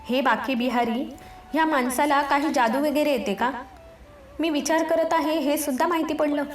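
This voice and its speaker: A woman's voice: sits high, normal speed, pitched above the performer's own voice, natural voice. Woman voicing a cheerful shy young wife. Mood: playful. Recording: roomy echo with faint music behind.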